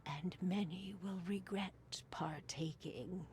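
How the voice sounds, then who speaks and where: An actress playing a cryptic, teasing fortune teller with a theatrical, mysterious manner in a video game. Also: female voice, on the low side, slow, a little mellow, a little hiss or hum. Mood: prophetic.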